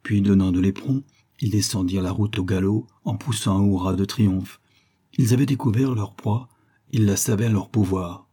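A man reading an audiobook aloud, telling a first-person adventure with expressive, dramatic swells. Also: fairly low pitch, normal speed, husky. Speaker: audiobook narrator. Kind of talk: scripted audiobook narration.

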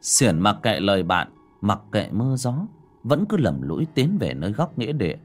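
A man reading a horror story aloud in a dramatic, expressive way. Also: on the low side, moderate pace, soft background music. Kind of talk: scripted horror narration.

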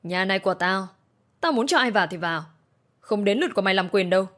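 A venomous middle-aged mother snaps insults in a harsh, cursing voice, as a woman storyteller puts her on. She sounds scornful and mean through and through. The voice sits at an ordinary middle pitch. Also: animated, fast, a bit bright, lightly acted. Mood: contemptuous. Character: vulgar, spiteful middle-aged mother, abusive.

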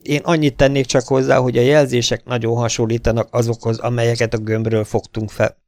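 A man reading the part of a male scientist on a spaceship crew in an audiobook, reporting findings briskly. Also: mid-range voice, level tone, a little mellow, dry recording, voice pushed up, natural voice.

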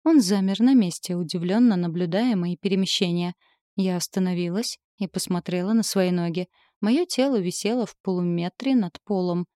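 Woman, audiobook narrator, steady storytelling, lowish voice, dry close recording. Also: normal speed, no room sound. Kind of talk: scripted first-person narration.

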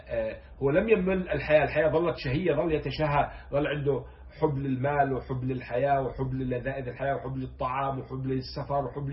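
A man explains classical poetry line by line, reading verses slowly and gravely and then getting animated when he stresses a point. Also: fairly high pitch. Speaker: poetry teacher. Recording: dull lo-fi sound.

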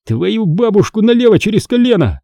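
A man's voice: high-pitched, big pitch swings, brisk, gravelly, warm tone, dry recording, clean studio sound, voice pushed up, heavily acted. A man voicing a grumbling, suspicious male rescue worker who blurts out exclamations, in an audiobook. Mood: aggrieved.

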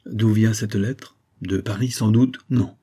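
A man's voice: lowish voice, fairly even intonation, takes it slowly, warm tone, breathy edge. A man reading aloud, voicing a sly, scheming male servant with a knowing, evasive manner.

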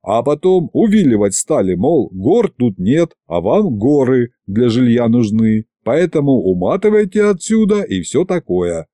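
A man's voice: medium pitch, very animated, unhurried, few pauses, warm tone, no room sound, clean studio sound. A man voicing a greedy, chatty three-headed male dragon who whines and squabbles, read as part of an audiobook. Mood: reporting. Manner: squabbling, whiny, gluttonous chatter.

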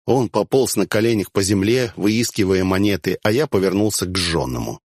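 A man's voice: sits low, normal speed, a little mellow, dry recording. A man narrating a first-person fantasy audiobook with a wry, dry-humored delivery.

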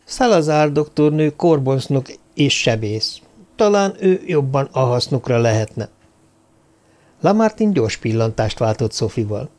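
A man's voice: medium pitch, big pitch swings, a little mellow. Man narrating a mystery audiobook.

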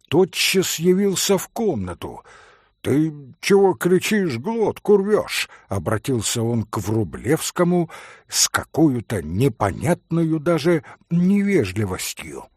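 A male audiobook reader with a slow, theatrical delivery, a gravelly and somewhat husky voice, and lively pitch. he is recorded dry and close, with no room sound. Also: dry recording. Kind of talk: expressive literary narration.

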